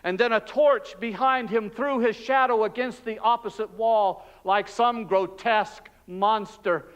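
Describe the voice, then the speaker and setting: A pastor acting out Barabbas, a frightened freed male prisoner, in an emotional, hushed and halting dramatic monologue in a church. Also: sits high, smooth. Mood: tense. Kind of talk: dramatic first-person monologue. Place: church sanctuary.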